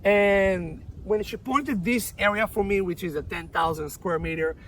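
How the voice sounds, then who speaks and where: A man's voice: high voice, a little slow, a bit bright, slight background noise, low-quality recording. A man hosting a podcast interview outdoors, chatty and often repeating words as he searches for phrasing. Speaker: podcast host. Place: outdoors on a property.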